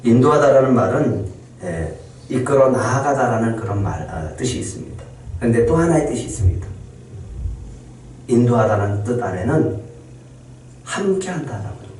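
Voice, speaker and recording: A male pastor preaching a Sunday sermon, pausing for effect and acting out quoted complaints. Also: medium pitch, expressive, a little hiss or hum. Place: church sanctuary. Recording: loud echo, distant mic in church hall.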